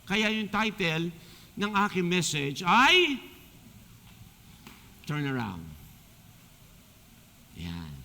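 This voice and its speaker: Man, Filipino accent, sermon, joking and lively, echoing church hall. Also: on the high side, a little hiss or hum. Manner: joking, animated, mixes English into talk. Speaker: deacon preaching. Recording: long church hall reverb.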